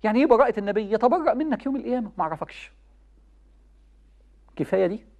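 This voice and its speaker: Young Egyptian woman preacher, fast, animated, high-pitched, urgent and pleading delivery. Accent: Egyptian Arabic. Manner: impassioned, pleading, addresses the youth directly. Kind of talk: religious talk.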